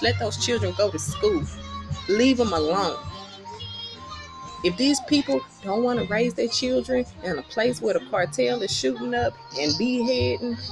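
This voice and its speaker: A woman from Texas delivering a heated political rant to camera, blunt and profane, repeating lines for emphasis. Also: a little high. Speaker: vlogger. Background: music.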